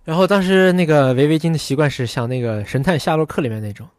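A young man in his twenties talks fast and jokes around, with a fairly high voice for a man. The sound is dry and close. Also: dry recording. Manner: joking, rambling storyteller. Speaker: podcast co-host. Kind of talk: casual chat.

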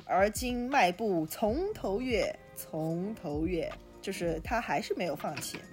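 Expressive woman reading a novel aloud. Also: medium pitch, measured pace, faint music behind. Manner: expressive storytelling. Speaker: book club podcast host.

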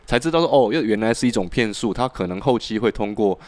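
A man hosting a podcast, telling a story in an animated, casual way with frequent restarts. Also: lowish voice, quick pace, no room sound. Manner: animated, laughs and restarts often. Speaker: podcast host.

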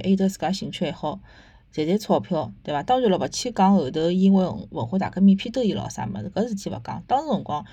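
A woman's voice: mid-range voice, mellow, husky, no echo. A woman with a Shanghainese accent chatting casually as a host giving a review, opinionated and conversational. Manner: conversational, opinionated, with rhetorical tag questions. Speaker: host of a book and theatre review podcast. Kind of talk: casual chat, reviewing and retelling.

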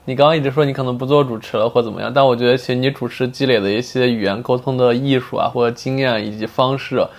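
A man's voice: medium pitch, fairly even intonation, quick pace. A man hosting a podcast, chatting with his guest and agreeing often. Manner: eager back-channel agreement. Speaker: podcast host. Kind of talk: podcast conversation.

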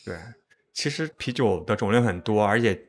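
A man's voice: on the low side, expressive, normal speed. A man interviewing in a casual, chatty style as the host of a conversation. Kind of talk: casual chat.

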